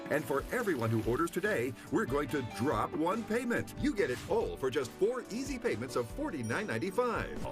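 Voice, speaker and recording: A man delivering an emphatic, salesy infomercial pitch as a commercial announcer. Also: sing-song, a little fast. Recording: loud music under voice. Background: loud advert music.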